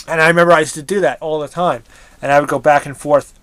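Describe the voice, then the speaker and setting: A man's voice: a little high, fairly even intonation, quick pace, fairly bright tone, clear, resonant tone, no room sound. A man in his thirties, a toy collector, reminiscing casually in a rambling way with many restarts.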